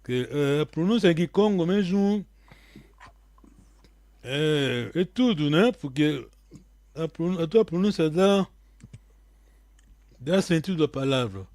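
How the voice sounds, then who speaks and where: A man's voice: a little high, expressive, slow pace, pauses often, darkish tone, dry recording. Patient man teaching a language class. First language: Kikongo. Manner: patient, explains word by word with frequent check-in questions. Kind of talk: online language lesson.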